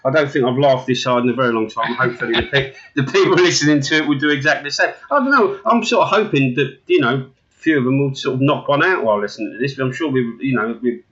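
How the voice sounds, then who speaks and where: A man's voice: mid-range voice, animated, quick pace, a bit bright, highs cut off. A man hosting a podcast, chatting in crude, joking banter and rambling with lots of restarts. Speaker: podcast host.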